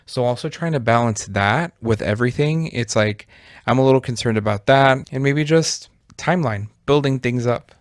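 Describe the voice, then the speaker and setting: A man's voice: mid-range voice, normal speed, dry recording, studio quality. A man in his thirties co-hosting a podcast, talking in a casual, reflective and rambling way with lots of fillers. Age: 30s. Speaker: podcast co-host. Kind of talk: casual chat.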